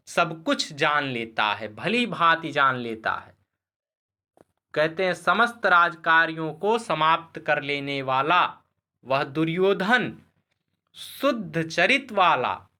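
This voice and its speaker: A man teaching Sanskrit, slowly glossing a classical verse word by word. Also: on the high side. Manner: slow, measured word-by-word glossing; chants verse slowly and louder. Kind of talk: explaining a classical verse line by line.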